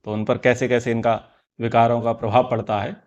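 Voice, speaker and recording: A man's voice: mid-range voice, flat delivery, a little fast, a little mellow. A man teaching a scripture class, explaining earnestly and repeating key phrases for emphasis. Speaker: Vedic teacher.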